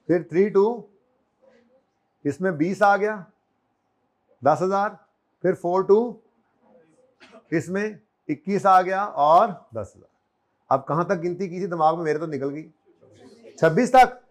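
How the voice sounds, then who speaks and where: A man teaching an accounting class in a classroom, chatty and joking, counting years aloud and quizzing his students. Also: fairly high pitch. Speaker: accounting lecturer. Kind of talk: classroom lecture. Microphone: recorded lecture.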